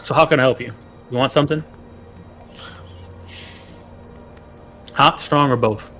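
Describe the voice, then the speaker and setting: A man's voice: mid-range voice, fast talker, pushed and bright, soft background music, lightly acted. A man playing a proud, suspicious eldest dwarf brother who runs a tavern in a tabletop fantasy game, speaking hesitantly and insistently. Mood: welcoming.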